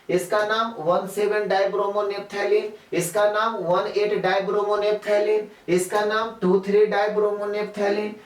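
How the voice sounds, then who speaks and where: Male teacher, rhetorical questions, distant mic. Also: high voice. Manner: repetitive, quizzes students with rhetorical questions. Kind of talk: classroom chemistry lecture. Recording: echoey room, mic far off.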